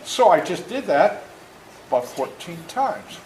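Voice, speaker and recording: An author in his seventies reads his book aloud to schoolchildren in an indoor room, with a roomy echo and faint background noise. His voice is high-pitched and measured. He is folksy and very animated, engaging the kids and acting out moments.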